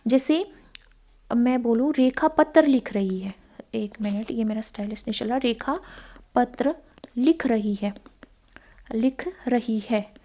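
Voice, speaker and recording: A woman teacher with a high, mellow voice goes through past exam questions in an exam-prep lesson. She explains by asking questions and then answering them, repeats key words, and mixes in English phrases.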